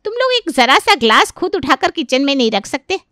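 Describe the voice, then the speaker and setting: Cartoon mom-in-law, fussy and nagging, high sharp voice played by a woman. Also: very animated, brisk, no room sound, clean studio sound, full character voice. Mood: exasperated. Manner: complaining, exasperated scolding. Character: fussy exasperated middle-aged mother-in-law. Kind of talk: cartoon voice acting.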